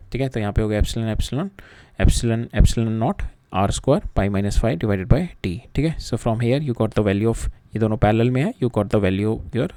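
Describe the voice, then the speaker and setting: Low, unhurried male physics teacher. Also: mellow, no room sound. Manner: mixes Hindi and English, many fillers and repeated words. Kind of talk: lecture solving exam problems.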